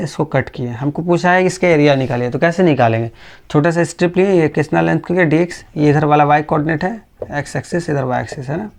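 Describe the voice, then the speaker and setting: A man teaching physics in a gravelly, slightly raised voice. He speaks slowly and patiently, repeating points and keeping checking that his students follow. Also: fairly high pitch, darkish tone. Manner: patient, repetitive, checks understanding often. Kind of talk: classroom lecture.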